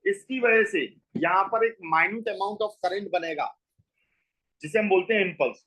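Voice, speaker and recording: A man's voice: high voice, pushed and bright, rough recording. A man teaching a school biology lesson, explaining step by step and asking and answering his own questions. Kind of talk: biology class lecture.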